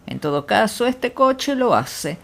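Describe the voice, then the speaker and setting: Carrados, detective ciego tranquilo leído por una mujer. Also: female voice, medium pitch, sing-song, a little slow, creaky, a bit bright, pitched above the performer's own voice, full character voice. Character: blind gentleman detective, calm and dry.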